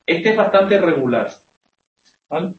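This young literature teacher gives a classroom lecture on poetry, explaining things and regularly asking questions to make sure his students are following. His voice is high and animated, delivered at a measured pace. The recording sounds roomy and dull, as in a classroom.

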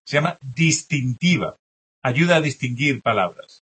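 A man's voice: mid-range voice, animated, unhurried, a bit bright, breathy edge. A man teaching a language class, explaining test answers and often checking in with students. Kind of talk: classroom lecture going over test answers.

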